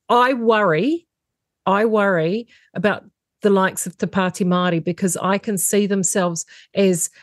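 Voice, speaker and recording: A woman's voice: medium pitch, dry recording, clean studio sound. A woman with a broad New Zealand accent, talking conversationally as an interviewer.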